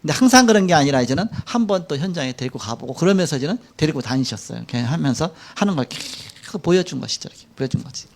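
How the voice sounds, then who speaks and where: A middle-aged man speaks in a fairly high voice, lecturing from a church pulpit. His talk is loose and conversational, and he slips into playful acted-out quotes. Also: fast, creaky, few pauses. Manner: colloquial and animated, acting out quotes, chuckling. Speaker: pastor. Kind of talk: sermon lecture.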